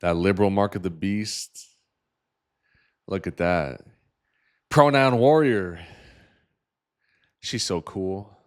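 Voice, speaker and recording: A man's voice: sits low, fairly even intonation, takes it slowly, pauses often, smooth. A man hosting a dating-profile review, talking in a sarcastic, preachy, ranting way. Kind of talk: reaction commentary.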